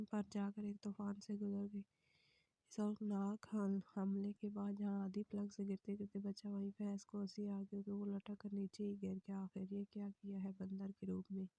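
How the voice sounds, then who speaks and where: A woman reading a romance novel aloud in a soft, breathy voice that sometimes drops to a whisper. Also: medium pitch, no room sound. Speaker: novel reader.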